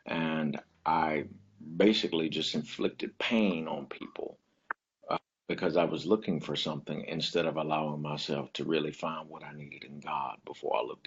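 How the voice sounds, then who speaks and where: A man who is a preacher and author talking about himself as a guest on a chat show, in a slow, low, smooth manner. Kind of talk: casual interview talk. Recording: lo-fi sound.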